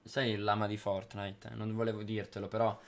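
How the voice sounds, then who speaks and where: A young adult man playing a prank on his father, quick-talking, teasing and pleading. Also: on the low side, level tone, slight background noise. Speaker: youtuber. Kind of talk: prank gaming vlog chat.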